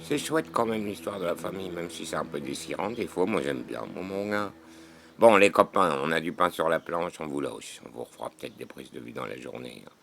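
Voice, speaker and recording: With a rumbling low, gravelly voice that's a bit bright and slightly worn out, a French vlogger talks a little fast in a chatty, folksy way, repeatedly saying "mon gars." Slight background noise is audible.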